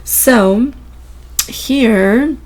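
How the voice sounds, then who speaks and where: A woman giving a gentle, reflective spiritual card reading from home, with many filler words. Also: fairly high pitch, very slow. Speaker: oracle card reader. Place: home room with windows open.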